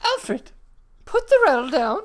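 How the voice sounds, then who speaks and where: A woman's voice: sits high, sing-song, normal speed. A woman playing a prim, fussy time-traveling historian who speaks in stiff formal phrases, in improvised comedy. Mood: flustered. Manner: stiff formal diction, flustered. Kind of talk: improvised comedy podcast acting.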